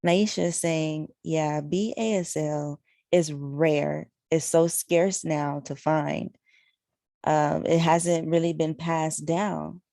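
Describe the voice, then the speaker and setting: Woman, sign language interpreter, low pitch, mellow tone, relays signers with many ums. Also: steady tone, takes it slowly, vocal fry, dry recording, studio quality. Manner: relaying speakers in third person with fillers. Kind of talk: voicing signed conversation.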